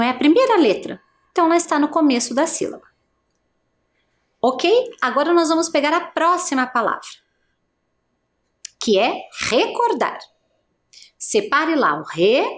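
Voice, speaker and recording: A woman teacher with a Brazilian Portuguese accent giving an adult education video lesson, explaining slowly and patiently and asking the learner encouraging questions. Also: sits high. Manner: slow, patient, syllable-by-syllable explanation.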